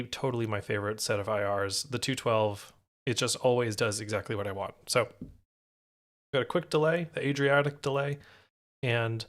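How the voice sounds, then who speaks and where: A man hosting a live stream, talking casually through a guitar pedal demo with loose, rambling explanations and self-corrections. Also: mid-range voice. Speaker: podcast host demoing guitar gear on a live stream.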